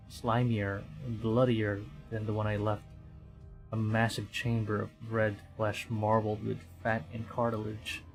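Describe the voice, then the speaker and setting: Over game music, a man from the Philippines reads game text aloud while streaming, his low-leaning voice showing vocal fry. He is hesitant and stammers, offering wry reactions as he plays.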